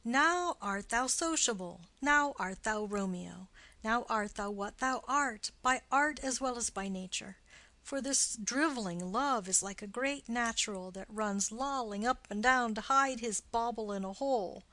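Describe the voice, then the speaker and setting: A woman's voice: a little high, a little slow, sharp tone, no echo. A woman voicing a witty, mocking young male nobleman in an audiobook play reading, with teasing, theatrical wordplay.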